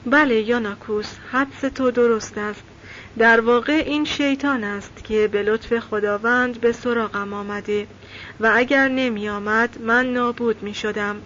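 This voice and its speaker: A calm, devout young villager who answers with quiet certainty, read by a woman narrating a novel. His voice sits a little high. The recording is slightly muffled, with a faint hiss behind it. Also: close to an everyday voice. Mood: calm insistence.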